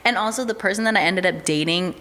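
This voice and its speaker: Talking quickly in a medium-pitched voice, a young woman from the United States guests on a podcast as an artist manager. The interview is casual and chatty, and she's relaxed, sprinkling in many "um"s and "like"s.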